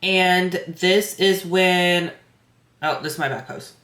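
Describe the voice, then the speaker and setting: Speaking slowly and steadily in a lowish, fairly bright voice, a woman who competes in bikini contests and coaches recaps her day to the camera. Her nose is stuffy, she uses plenty of filler words, and the room echoes.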